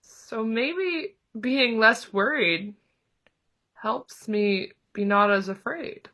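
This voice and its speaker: A woman voicing a small, anxious piglet who is timid and self-doubting, speaking haltingly with a stammer. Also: fairly high pitch, sharp tone, full character voice. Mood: cautiously relieved. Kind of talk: role-played therapy client in character.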